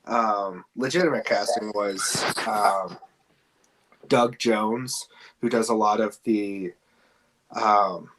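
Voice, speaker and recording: Heavy background noise sits under this man's slow, fairly low voice, broken by long pauses. He's a podcast co-host casually discussing games and film casting, a bit hesitant and informal about pop culture.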